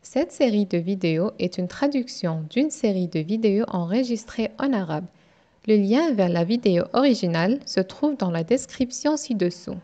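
A woman teaching Quran reading in a slow step-by-step lesson, drawing out syllables patiently. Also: medium pitch, lively intonation, dark tone, dull audio. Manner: drawn-out syllable drills, patient.

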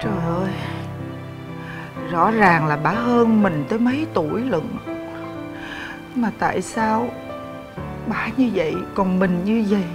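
Brief: sighing woman lamenting to herself, mid pitch, music under. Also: vocal fry. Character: woman lamenting her lot, self-pitying. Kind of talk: sitcom acting.

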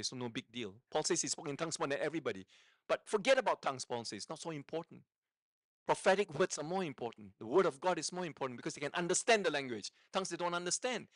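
A man preaching a teaching sermon as guest speaker. He talks emphatically, keeps checking in with his listeners, and drops low and quiet on key points. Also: dry recording, rough recording. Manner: engaging, checks in with tag questions.

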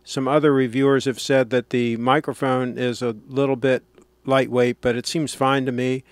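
A man giving a casual product review, explaining things in a plain-spoken, unhurried way. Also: mid-range voice, level tone, dry recording.

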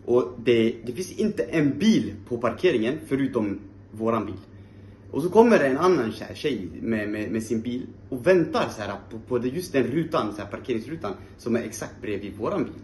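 A man's voice: mid-range voice, lively intonation, a little mellow, roomy sound, a little hiss or hum. A man vlogging, telling a story in a casual, rambling way full of fillers, sounding tired. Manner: rambling, heavy use of fillers.

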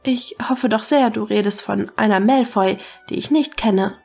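A woman voicing a dreamy, blunt young woman with a high, airy, wandering way of talking in a storybook reading. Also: moderate pace, creaky, darkish tone, soft background music.

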